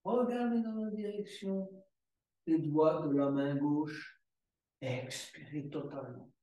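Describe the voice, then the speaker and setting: Slow, echoey man guiding yoga. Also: fairly high pitch, mellow. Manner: slow, drawn-out breathing cues. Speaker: yoga teacher. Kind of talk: guided yoga class instruction. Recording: very echoey room, voice from far off the mic.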